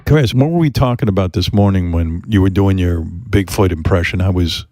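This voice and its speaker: An older man hosting a radio show, ranting in an animated, profane, mock-indignant way during casual banter. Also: low voice, moderate pace, no echo, clean studio sound, soft background music.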